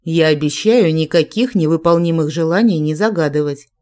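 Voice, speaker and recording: A reader voicing a wary grown woman who is a witch, in a plain, measured audiobook reading. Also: low voice, darkish tone, close to an everyday voice.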